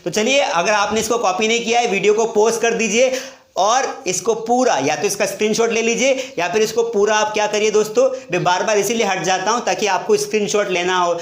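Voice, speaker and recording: A lively man teaches English grammar at a whiteboard, quizzing his students as he goes. His voice sits high, and the bare classroom gives it a noticeable echo. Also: fairly quick. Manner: lively, questioning students often. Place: classroom with board. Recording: echoey room.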